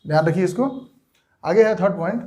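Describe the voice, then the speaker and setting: A male English grammar teacher speaks to his class in a notably high, slightly mellow voice with a Jharkhand Hindi accent. He keeps answering his own rhetorical questions and draws out important words slowly to make them stick.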